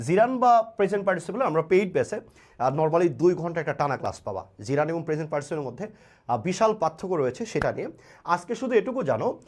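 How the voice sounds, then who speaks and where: A man teaching a live online English class, playful and coaxing, calling his students children and answering them by name, with speech. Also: high voice.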